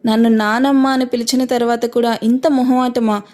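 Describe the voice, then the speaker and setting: A woman voicing an affectionate elderly grandmother in an audio story, gently coaxing. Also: a little high, little pitch movement, moderate pace, close to an everyday voice. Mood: tender.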